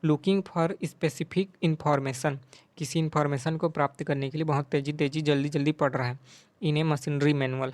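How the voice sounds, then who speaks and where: A male teacher explaining exam questions in Hindi, reading the English questions slowly and adding tag questions as he goes. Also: a little high, darkish tone, dry recording.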